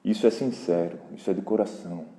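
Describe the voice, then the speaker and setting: A man with a Brazilian accent, hosting a live parenting Q&A in a relaxed, conversational way and talking straight to his viewers. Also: low-pitched, fast. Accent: Brazilian Portuguese. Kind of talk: casual live Q&A talk. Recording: roomy hall echo.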